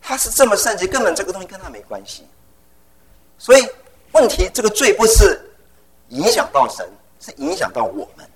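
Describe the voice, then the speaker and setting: A middle-aged male preacher with a lively, swooping delivery and a gravelly edge in his voice. He preaches animatedly and slips English phrases in among his words. His voice sits a little higher than most men's. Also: moderate pace, low-quality recording. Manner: tells personal stories with vivid sound words. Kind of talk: sermon.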